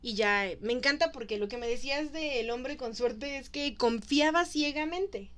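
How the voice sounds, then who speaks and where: A woman with a Mexican accent casually retelling a story to a co-host, animated and laughing often. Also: sits high, normal speed. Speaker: podcast co-host.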